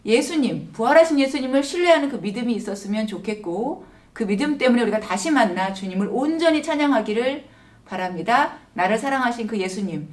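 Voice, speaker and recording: A woman teaching a gentle Easter sermon to children, asking them questions as she goes. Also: on the high side, far from the mic. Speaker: children's Sunday school teacher.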